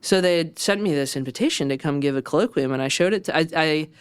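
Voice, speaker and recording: Middle-aged woman, professor guest; lively storyteller, clear resonant tone, dry close sound. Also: low voice, quick pace, no room sound. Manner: animated, lively storytelling with restarts. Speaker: philosophy professor, podcast guest. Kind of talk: casual storytelling interview.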